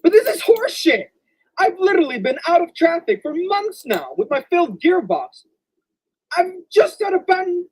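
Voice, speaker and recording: A woman's voice: extremely high pitch, sing-song, slow, long pauses, low-quality recording. A woman at a casual line-reading session for a fan dub, swearing and joking about flubbing her lines. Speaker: fan voice actor.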